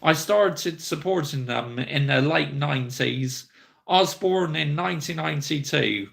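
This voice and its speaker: A man in his thirties hosting a football live stream, chatting casually with viewers in an upbeat way and giving repeated shout-outs. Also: on the high side, measured pace, creaky. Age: 30s.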